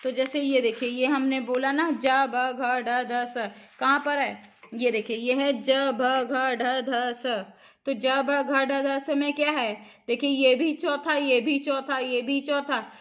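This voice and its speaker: Brief: high-pitched woman tutor, repeats each point and quizzes the viewer on grammar for exam prep. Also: fairly even intonation, slow pace, fairly bright tone. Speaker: teacher.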